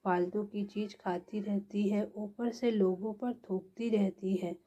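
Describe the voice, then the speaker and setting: Angry nosy neighbor lady, woman reading her, accusing, dark voice, flat. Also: mid-range voice, unhurried, natural voice. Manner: complaining, accusing. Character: quarrelsome middle-aged neighbor woman.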